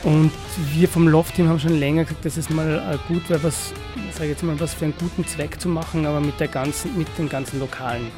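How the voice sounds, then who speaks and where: A man, a bar owner answering interview questions casually with many pauses and restarts. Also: a little high, fairly even intonation, over music. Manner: hesitant, many fillers and restarts.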